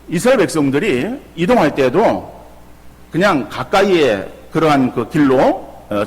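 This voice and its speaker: Middle-aged male pastor, husky, animated sermon full of rhetorical questions, reverberant church hall. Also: a little high. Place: church sanctuary.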